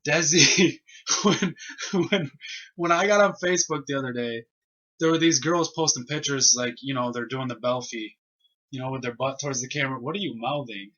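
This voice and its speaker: A young man co-hosts a casual, uncensored podcast, telling slang-filled stories and laughing through them. His medium-pitched voice has a sharp tone at normal speed, and the lo-fi recording sounds dull.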